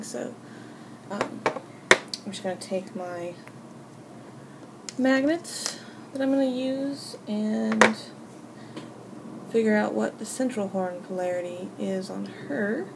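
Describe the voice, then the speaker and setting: A woman hosting a casual, unscripted craft tutorial, talking informally and haltingly as she thinks aloud. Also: fairly low pitch, creaky. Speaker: hobby video host. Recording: noisy home recording.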